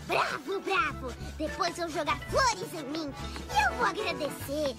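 Cartoon rag-doll girl: very high, excitable, flighty and boastful, loud music underneath. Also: a little slow. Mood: ecstatic, boastful. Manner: dramatic, flighty, exclamatory. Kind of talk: children's cartoon acting.

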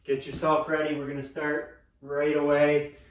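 A man coaches a home workout in a high voice, giving short, practical instructions while moving. He is recorded from across a room, with plenty of echo around his words. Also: monotone, normal speed. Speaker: fitness coach and workout host. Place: living room at home, indoors. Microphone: far camera. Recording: roomy, distant camera mic with clear noise.

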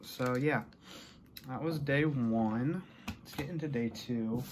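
Slowly, in a mid-range voice, a young adult American man rambles unscripted to the camera while showing off a collection haul. He's indoors in a small bedroom, and there's slight background noise.

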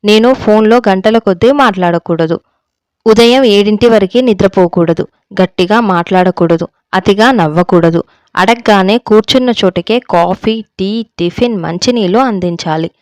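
A woman's voice: mid-range voice, moderate pace, darkish tone, no echo, lightly acted. A woman voicing a fed-up, defiant young daughter-in-law who speaks heatedly in a storybook reading.

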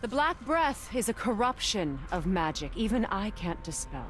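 An actress playing a guarded, weary woman sorceress in a video game cutscene, speaking calmly and with measured solemnity. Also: medium pitch, a little hiss or hum. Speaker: game character. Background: game music.

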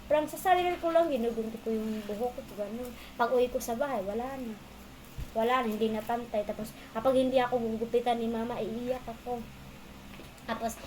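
Lady with a kinda high voice rambling thru her own story, stops and restarts a lot. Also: a little mellow, slight background noise, low-quality recording. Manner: rambling, halting, restarts often. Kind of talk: casual personal storytelling.

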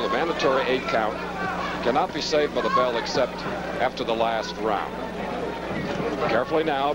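A man giving live boxing commentary at ringside on a noisy broadcast. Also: mid-range voice. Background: loud background noise.

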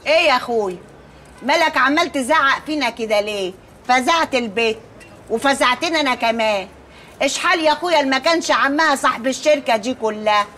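An actress playing a loud, meddling, middle-aged working-class auntie who speaks Egyptian Arabic and trades folksy rhyming quips, in a TV comedy. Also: female voice, high-pitched, expressive, quick pace, a little hiss or hum. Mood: brash. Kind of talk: TV comedy acting. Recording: TV soundtrack with music underneath.

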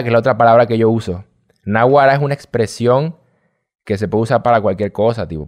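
A young adult man from Venezuela with a light Venezuelan accent, chatting casually and rambling as an interview guest. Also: medium pitch. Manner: relaxed, rambling, drops slang. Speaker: guest youtuber.

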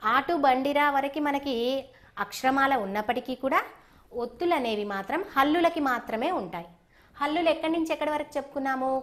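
Patient woman teaching children. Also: fairly high pitch. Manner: patient and explanatory, drawing out sounds for children to repeat. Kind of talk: recorded classroom lesson for young children.

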